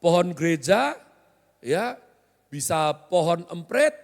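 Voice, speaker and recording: High-voiced joking pastor in a reverberant hall. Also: male voice, very animated, slow, creaky. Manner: joking, conversational, often quizzes the congregation. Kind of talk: sermon. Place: large hotel hall used as church.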